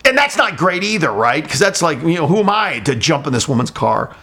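A man who works as an artist, telling stories in a vlog in an animated, self-mocking way and acting out voices. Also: fairly high pitch, a little fast, breathy edge. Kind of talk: storytelling vlog.

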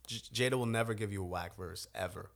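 A man co-hosting a podcast, arguing his point at length in casual chat, animated and swearing freely. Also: on the low side, fast talker, vocal fry. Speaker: podcast co-host.

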